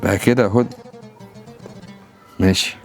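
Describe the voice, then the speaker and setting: An actor with an Egyptian accent playing a bossy, hot-tempered young husband who scolds fast. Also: male voice, on the low side, fairly even intonation, loud music behind the voice, lightly acted. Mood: jealous. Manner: sharp, scolding, fast talk. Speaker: husband in a family drama.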